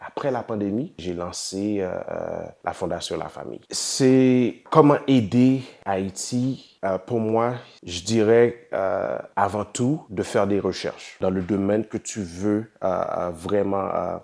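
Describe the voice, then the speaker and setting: A man's voice: on the low side, a little slow, vocal fry, hardly any pauses, darkish tone. A man from Saint-Martin, a musician and charity founder, answering interview questions hesitantly with many fillers and the odd slip into English.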